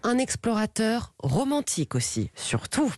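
A woman's voice: a little high, big pitch swings, unhurried, a little mellow, no echo. Woman reading a playful radio portrait. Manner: playful, breaks into giggles. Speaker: radio columnist. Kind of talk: reading a scripted guest portrait. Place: radio studio.

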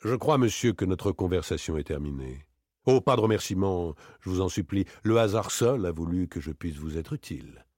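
A man voicing a self-assured gentleman burglar in an audiobook, teasing and smoothly mocking. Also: low voice, lively intonation, normal speed, no room sound, clean studio sound. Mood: amused. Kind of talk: audiobook character reading.

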